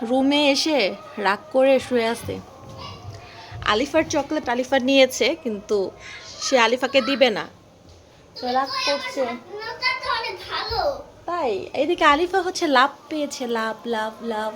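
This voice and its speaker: A young woman with a high, light voice and a Bangladeshi Bengali accent gently coaxes and pleads with her sulking child, filming a family vlog on her phone at home. The recording carries a steady hiss of noise behind her. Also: unhurried, pauses often. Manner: sweet-talking, pleading and coaxing a sulking child. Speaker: vlogger mother. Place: home, indoors.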